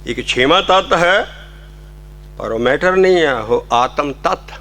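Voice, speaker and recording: A man's voice: fairly high pitch, animated, measured pace, sharp tone. A man giving a devotional sermon, explaining scripture and breaking into sung hymn lines. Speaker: kirtan singer and preacher.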